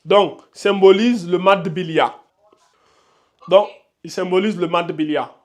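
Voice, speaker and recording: A man teaching Quran recitation rules in a live online class. He repeats himself often and slows down to chant the examples. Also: high-pitched. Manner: repeats words often, points at symbols on the board. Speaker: tajwid teacher.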